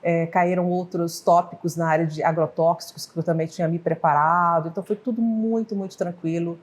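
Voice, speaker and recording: This woman's voice is low-ish, steady and brisk. She is a Brazilian pharmacy professor in her fifties, from Goiás or northwest Minas Gerais, telling her life story for an oral history interview in a rambling, hesitant way, with restarts, self-corrections and light laughter at her slips.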